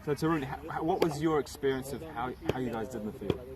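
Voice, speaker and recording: Guy doing laid-back cricket commentary, joking around, loud crowd noise outside. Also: medium pitch, quick pace. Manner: chatty, joking. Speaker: match commentator. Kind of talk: casual live commentary. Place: outdoors at a cricket ground.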